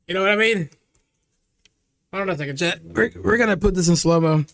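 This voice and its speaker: High-voiced young male streamer, casual. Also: normal speed, creaky, fairly bright tone, no room sound. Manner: chatty, loose, calls the audience "dude" and "chat". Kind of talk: casual live-stream reaction chat.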